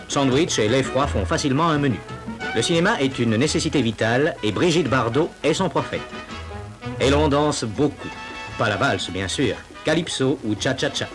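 A man doing formal, wry commentary as the narrator of an old 1950s newsreel. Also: mid-range voice. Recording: archive newsreel soundtrack with music. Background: music.

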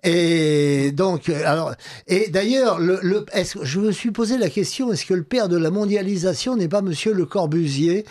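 A man's voice: high voice, moderate pace, darkish tone. A man from Paris with a Parisian French accent, talking bluntly and colloquially in an opinionated radio conversation. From Paris, France. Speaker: radio guest, writer and programme host.

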